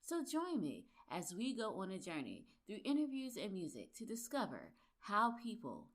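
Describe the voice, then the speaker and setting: A woman's voice: mid-range voice, wildly swooping pitch, normal speed. Female podcast host, upbeat and emphatic, introduces and interviews guests. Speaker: podcast host and relationship coach.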